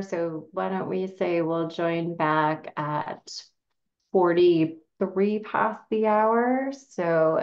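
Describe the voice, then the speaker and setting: A woman's voice: lowish voice, echoey room. A woman running an online meeting, casual and a little hesitant, speaking through a video call. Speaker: meeting facilitator. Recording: dull lo-fi call audio.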